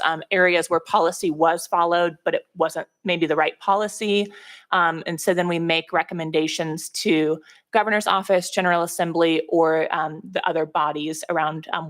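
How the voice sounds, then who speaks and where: A woman with a somewhat low voice explains things in a semi-formal briefing. She speaks as a staff presenter at a public meeting. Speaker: state commission staff member presenting.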